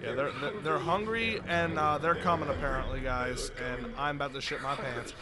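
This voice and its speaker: A man hosting a let's play, commentating with excitable, joking, swear-filled chatter. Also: medium pitch, normal speed. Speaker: gaming channel host. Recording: loud game noise behind. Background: game sounds.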